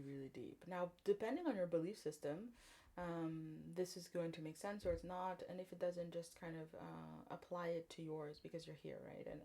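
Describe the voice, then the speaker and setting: A woman from Congo giving a spiritual tarot card reading in a gentle, thoughtful way, often pausing with fillers. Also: deep voice. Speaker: tarot reader.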